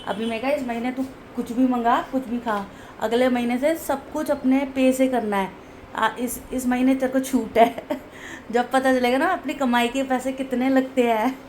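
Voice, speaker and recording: A woman's voice: high-pitched, steady tone, moderate pace, darkish tone, a little hiss or hum, rough recording. A middle-aged woman from India, chatting casually to her phone camera at home as she narrates her day and talks to her dog. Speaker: vlogger. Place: home, indoors.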